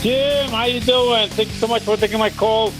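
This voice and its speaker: A man's voice: sits high, fairly even intonation, normal speed, music in the background, low-quality recording. A man from El Salvador calling in to a stock show, chatty and rambling with hesitant fillers. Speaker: caller. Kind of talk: phone-in question.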